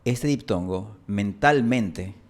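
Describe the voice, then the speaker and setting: Guy teaching pronunciation real slow, lowish voice, repeats the sounds over and over. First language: Spanish. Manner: demonstrates sounds by repeating them slowly. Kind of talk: slow explanatory lesson.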